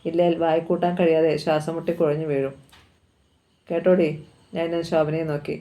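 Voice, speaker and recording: A woman's voice: low-pitched, level tone, moderate pace, mellow. A woman reading a novel aloud, telling the story steadily and lightly voicing the dialogue. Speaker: novel reader.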